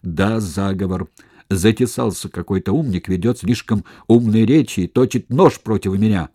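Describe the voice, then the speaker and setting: A ruthless, commanding Roman dictator growls out threats in a low, husky voice, as a male audiobook narrator puts him on. The voice is loud and pushed, and the recording is close and dry. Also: moderate pace, no echo, lightly acted. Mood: threatening.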